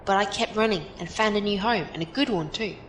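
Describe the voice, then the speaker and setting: Frank and encouraging, a woman's survivor character in an audio drama hands out matter-of-fact, philosophical advice in plain terms. She speaks fairly quickly in a natural voice, against a roomy echo and a faint background rumble.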